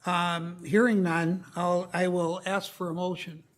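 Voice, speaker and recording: A woman's voice: fairly low pitch, level tone, measured pace. A woman chairing a formal public commission meeting, moving through the procedure.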